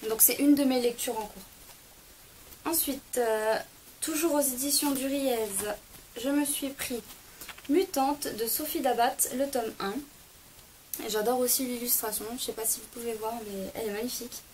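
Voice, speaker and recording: A young woman talks through a casual book haul on camera, her voice sitting a little high. She chats on with frequent hesitations and quick self-corrections. A faint hiss runs under the recording. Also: fairly even intonation, darkish tone, rough recording. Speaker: book vlogger.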